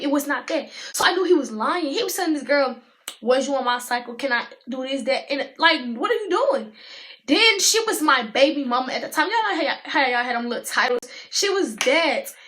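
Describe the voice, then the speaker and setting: A teenage woman, telling a storytime in a chatty, animated way and talking to viewers as y'all. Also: high voice, fast talker. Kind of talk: casual storytime vlog.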